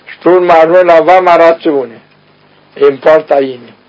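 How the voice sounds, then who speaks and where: A man's voice: a little high, fairly even intonation, darkish tone. A man preaching a spiritual sermon in a folksy way, speaking straight to his listeners and asking them questions. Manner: folksy, addresses listeners directly with rhetorical questions. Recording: dull lo-fi radio recording.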